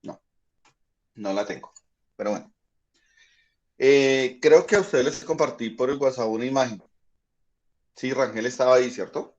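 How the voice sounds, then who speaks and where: Patient teacher, lo-fi call audio. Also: male voice, mid-range voice, moderate pace, long pauses, a little mellow. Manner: patient, checks in often with "¿listo?". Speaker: high school physics teacher. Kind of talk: online class lecture.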